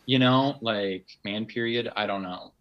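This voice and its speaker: A man's voice: lowish voice, a little slow, highs cut off. A man co-hosting a casual podcast conversation, telling rambling stories that keep doubling back on themselves. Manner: rambling, self-interrupting storyteller. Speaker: podcast co-host. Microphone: remote podcast mic.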